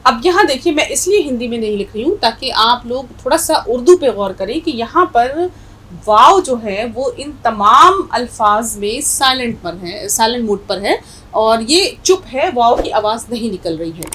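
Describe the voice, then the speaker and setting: A woman's voice: on the high side, lively intonation, normal speed, fairly bright tone, husky, poor audio. A woman teaching a Urdu language lesson, explaining words patiently and repeating each example with a North Indian Hindustani accent.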